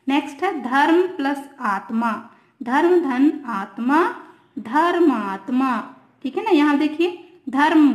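High-voiced, slow-paced woman teacher. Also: a bit bright. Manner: repeats "theek hai na" often, mixes English words; slow, drawn-out reading of examples. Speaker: Hindi grammar teacher. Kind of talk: online class lesson. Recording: echoey room.

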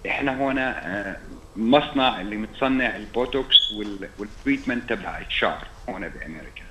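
Male caller on an unclear phone line; fast, polite, restarts a lot; echoey with faint hum. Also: lowish voice, animated, fairly bright tone. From Jordan. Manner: polite, effusive greetings with halting restarts. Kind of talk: call-in chat on a TV show.

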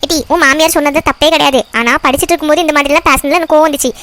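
A blunt, scolding old mother from a cartoon family drama, voiced by a woman. The voice sits very high and the words come out quick and pushy. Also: fairly even intonation, fairly bright tone. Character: older mother worrying about granddaughters' marriages. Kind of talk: cartoon voice acting.

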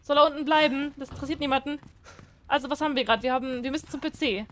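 A woman's voice: high-pitched, fairly even intonation, very fast. A young woman commenting on a horror game, chatty and jumpy, talking to herself and the characters. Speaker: let's play gamer.

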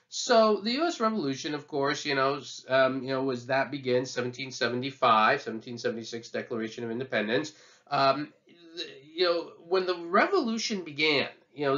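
A man teaching history in a relaxed, conversational lecture, full of asides and fillers. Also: mid-range voice, muffled recording.

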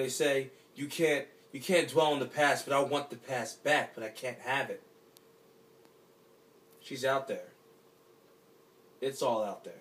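A young actor playing a lonely, heartbroken man, talking haltingly in despair and trailing off into mumbles. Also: mid-range voice, a bit bright, recorded from a distance, a little hiss or hum, natural voice. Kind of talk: short film drama monologue.

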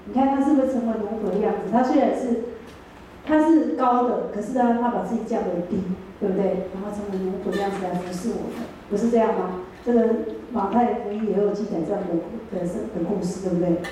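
A woman's voice: medium pitch, fast talker, warm tone, slight background noise. Woman preaching from far off in an echoey hall. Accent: Taiwanese Mandarin, with Taiwanese Hokkien phrases. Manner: chatty, asks the room questions. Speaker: church speaker. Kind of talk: sermon. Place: church hall.

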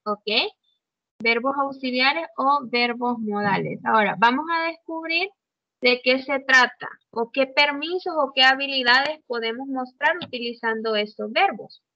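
A woman's voice: high-pitched, measured pace, dry recording. A woman teaching an English grammar class online, explaining in Spanish with English examples and checking in often. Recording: dull, muffled online audio.

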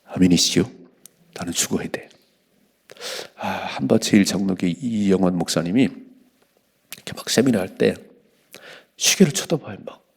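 An older man in his sixties, a pastor giving an early morning sermon, animated and acting out voices, often dropping to a whisper. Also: low voice, moderate pace. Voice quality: gravelly, husky. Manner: animated preaching, acts out voices, drops to whispers.

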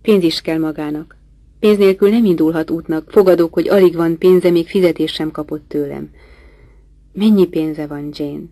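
A gruff, teasing middle-aged gentleman from a storybook reading, bantering in a low, dark voice, as a woman reads his lines. The sound is dry and close, with no room around it. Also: fairly even intonation, no echo. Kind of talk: audiobook dialogue reading.

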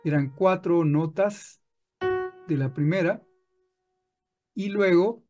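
A man teaching music software in a screen-recorded tutorial, patient and explaining step by step with frequent restarts. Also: sits high, takes it slowly.

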